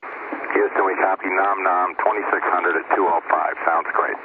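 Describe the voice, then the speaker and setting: A man's voice: deep voice, flat delivery, normal speed. A man on a crackling, breaking-up space radio link, giving clipped, matter-of-fact readbacks as a shuttle crew member. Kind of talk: terse radio callouts. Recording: noisy, narrow air-to-ground radio with static.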